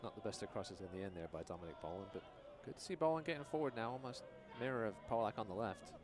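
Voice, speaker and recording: A man's voice: fairly low pitch, lively intonation, fast talker. A man giving conversational analysis as color commentator on a live soccer match. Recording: outdoor stadium noise behind. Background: outdoor stadium ambience.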